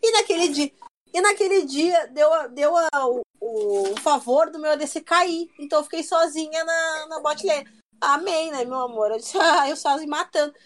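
A woman, telling a story in casual chat with a mocking, lively manner. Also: high-pitched, moderate pace, a little hiss or hum. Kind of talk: casual chat about gaming.

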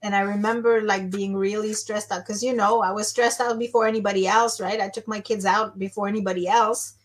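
A woman's voice: mid-range voice, little pitch movement, brisk. A tired middle-aged woman, chatting casually as a co-host and rambling with many restarts and fillers. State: tired and yawning. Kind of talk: casual chat.

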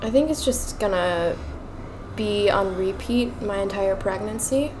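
A woman's voice: medium pitch, unhurried, a little mellow, a little hiss or hum, low-quality recording. A woman podcast co-host in casual chat, giggly and tipsy, laughing through her words.

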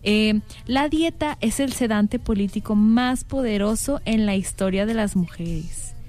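Mellow-voiced Mexican woman. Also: medium pitch, measured pace, faint music behind. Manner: thinks aloud, frequent fillers. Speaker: podcast co-host. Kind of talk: casual panel chat.

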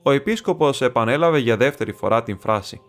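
A man narrating a classic short story in a calm, even reading voice, with faint music behind. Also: mid-range voice. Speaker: audiobook narrator.

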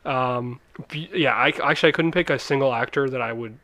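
A man's voice: medium pitch, brisk, pushed and bright, no room sound. A Canadian man co-hosting a casual chat about a film, rambling and restarting his sentences. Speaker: podcast co-host.

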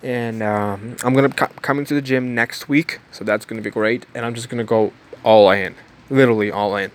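Outdoors in the cold, a nineteen-year-old man vlogs casually, rambling through a repetitive motivational pep talk. His medium-pitched voice is steady and brisk, with slight background noise.

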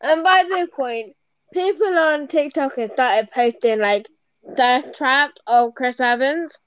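A woman co-hosting a podcast in casual chat, excitable and fangirling, swearing freely. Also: high-pitched, takes it slowly, no room sound, muffled recording. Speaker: podcast co-host.

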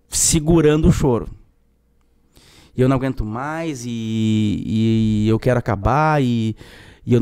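A man's voice: mid-range voice, no echo. Frank southern Brazilian man in his forties. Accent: southern Brazilian Portuguese. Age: 40s. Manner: animated, frank storyteller. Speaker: podcast guest, public defender. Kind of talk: casual storytelling.

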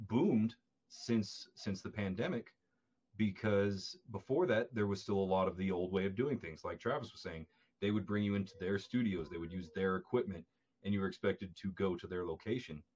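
A very deep-voiced man co-hosting a casual podcast as an author. He speaks thoughtfully and hesitantly, often repeating words. His audio sounds dull and lo-fi. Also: a little mellow. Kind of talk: casual chat.

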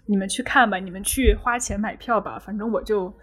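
A woman's voice: medium pitch, fairly quick, fairly bright tone. A woman in her twenties co-hosting a casual podcast, telling a long story in a rambling, chatty way. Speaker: podcast co-host.

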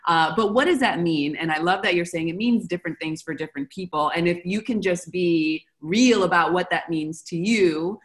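Woman host with a low voice, musing and conversational, full of "um" and "you know". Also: moderate pace, few pauses. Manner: reflective, thinks aloud with many fillers. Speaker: interview host. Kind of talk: conversational interview.

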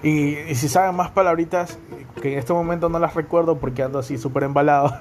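A man's voice: fairly high pitch, steady tone, quick pace, darkish tone. Young male podcaster with a Guayaquil accent, casual and chatty, music faintly underneath. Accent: Guayaquil coastal Ecuadorian. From Guayaquil, Ecuador. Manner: chatty, repeats ¿me entienden?. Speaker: podcast host.

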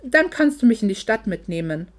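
A woman's voice: on the high side, sing-song, fairly quick. A woman voicing a young man who answers in a brusque, offhand way and is in a hurry to leave.

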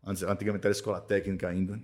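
A man's voice: deep voice, flat delivery, rapid-fire, darkish tone. Guy chatting on a podcast, emphatic, keeps repeating himself and tossing in little checks like "right?". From Northeast Brazil. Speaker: accounting firm owner, podcast guest. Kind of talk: casual podcast conversation.

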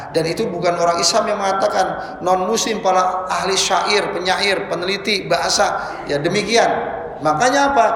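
A man preaching a sermon to a congregation, animated and full of rhetorical questions, drawing out Arabic phrases slowly. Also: sits high. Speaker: Islamic preacher. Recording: very echoey hall.

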